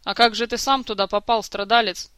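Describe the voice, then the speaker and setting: A man's voice: sits high, steady tone, brisk, pushed and bright, no room sound. Woman voicing a grumbling sarcastic thief. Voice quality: gruff, mocking. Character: grumbling sarcastic male jester-thief, adult.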